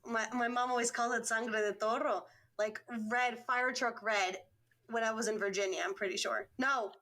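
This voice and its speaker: A woman's voice: a little high, steady tone, moderate pace, bright, forceful tone. A woman in her twenties co-hosting a casual podcast, emphatic and dramatic, swearing for effect. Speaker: podcast co-host.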